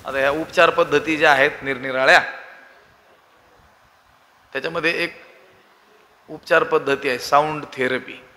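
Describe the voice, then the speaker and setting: A man giving a devotional sermon on scripture, asking the audience rhetorical questions and hitting key words with sudden loud emphasis. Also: a little high, steady tone, moderate pace, pauses often, long reverb tail, a little hiss or hum, low-quality recording. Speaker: preacher.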